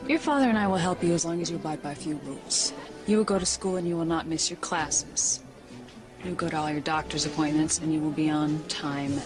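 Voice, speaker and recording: Woman playing a strict, lower-voiced soap-opera mother. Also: fairly quick, over music, close to an everyday voice. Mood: stern. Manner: stern, commanding. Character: strict, controlling, indignant mother of grown daughter. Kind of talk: television soap opera drama acting.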